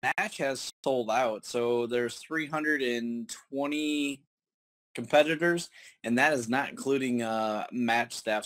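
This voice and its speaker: A man's voice: medium pitch, fairly bright tone. An upbeat man co-hosting a podcast, chatting enthusiastically. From New York. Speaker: podcast co-host. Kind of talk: casual podcast chat.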